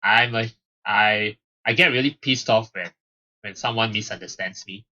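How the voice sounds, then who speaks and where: A let's play host with a lowish voice talks at a moderate pace, ranting and laughing in casual exasperation as he plays through a visual novel. The recording sounds muffled, and loud game music plays behind him.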